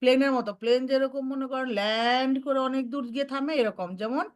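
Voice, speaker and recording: A woman teaching Quran recitation, mixing in English terms and demonstrating each sound slowly. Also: sits high, fairly even intonation, clean tone. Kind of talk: online recitation lesson.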